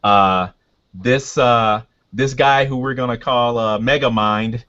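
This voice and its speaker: A man with a mid-pitched voice referees a tabletop game in a casual, halting way, often thinking aloud. The recording is slightly muffled and lo-fi. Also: fairly even intonation, fairly bright tone. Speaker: game master. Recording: dull, lo-fi sound.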